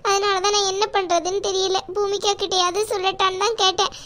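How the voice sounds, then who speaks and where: A woman's voice: extremely high pitch, level tone, fairly quick, a bit bright. A woman voicing a timid young married woman in a cartoon, tearful, pleading and apologetic. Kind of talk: cartoon voice acting.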